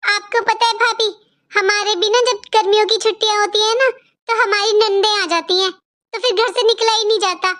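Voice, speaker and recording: An outspoken young sister from a family cartoon, as a woman voices her, with a very high, sharp delivery. She is indignant and says exactly what she thinks. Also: fairly even intonation, moderate pace. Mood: chatty. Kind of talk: cartoon voice acting.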